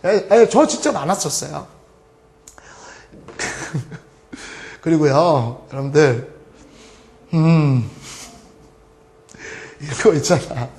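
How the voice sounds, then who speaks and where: A man's voice: a little high, very slow, long pauses. A man teaching an online English grammar lecture, joking and acting out his students' questions. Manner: lively, joking, acts out students' voices.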